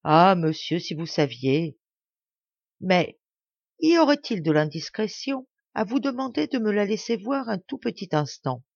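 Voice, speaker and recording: A woman's voice: mid-range voice, very animated, unhurried, creaky, no room sound, lo-fi sound, full character voice. A woman voicing a sly young boy prankster in a storybook, who pleads in a mock-tearful way. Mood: pleading.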